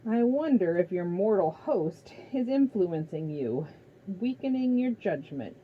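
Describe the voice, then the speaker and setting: A woman's voice: mid-range voice, animated, a little slow, a little hiss or hum, close to an everyday voice. A woman voicing a cautious male Titan advisor, deferential and warning, in a dull lo-fi recording.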